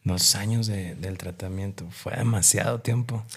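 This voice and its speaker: A man hosting a casual interview, giving soft backchannels and rambling with restarts. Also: on the low side, fairly even intonation, moderate pace, creaky, slightly rough. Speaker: podcast host.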